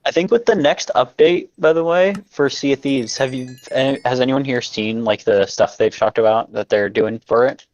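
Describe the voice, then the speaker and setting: A man's voice: medium pitch, moderate pace, few pauses, no room sound. A man co-hosting a live gaming stream, rambling eagerly about game updates with plenty of laughter. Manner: excited, rambling gamer talk with frequent laughs. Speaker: gaming podcast co-host. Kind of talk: casual live-stream chat. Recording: dull lo-fi stream audio.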